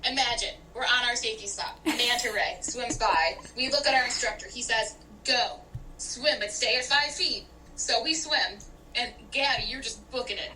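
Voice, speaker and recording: Bright, animated young woman. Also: fairly high pitch, moderate pace, low-quality recording. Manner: animated, laughing, many fillers. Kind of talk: casual podcast chat.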